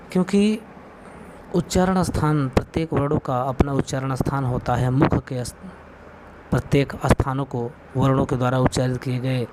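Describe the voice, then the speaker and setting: A man giving a spoken video lesson on Sanskrit, explaining patiently step by step and counting aloud. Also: medium pitch. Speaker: Sanskrit teacher. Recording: clear background noise with clicks.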